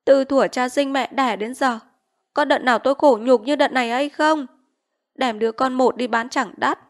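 A woman's voice: high-pitched, steady tone, normal speed, voice pushed up, lightly acted. Brief: a woman reading as a poor peasant mother, pleading and wailing, audiobook. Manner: tearful pleading, lamenting.

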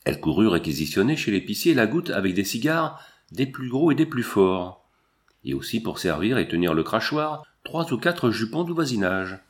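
A man narrating a novel in a measured storytelling manner. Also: on the low side, big pitch swings. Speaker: audiobook reader. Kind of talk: scripted narration.

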